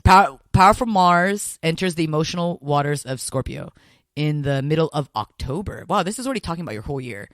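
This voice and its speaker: A man's voice: a little high, lively intonation, a little fast, a bit bright, no room sound, clean studio sound. A man chatting casually as a podcast guest, talkative and repeating words as he goes. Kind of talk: casual chat.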